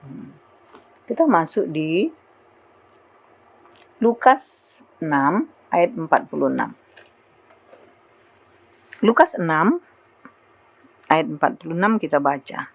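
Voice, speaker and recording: A woman preaching a sermon in an animated way, acting out the prayers and remarks she quotes. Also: low voice, slow, pauses often, husky, no echo.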